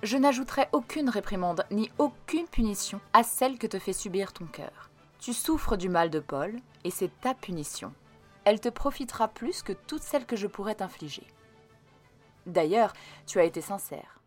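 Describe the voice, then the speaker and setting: A woman voicing a gentle but firm mother who talks soothingly and moralizes. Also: mid-range voice, lively intonation, normal speed, faint music behind, voice pushed up, close to an everyday voice.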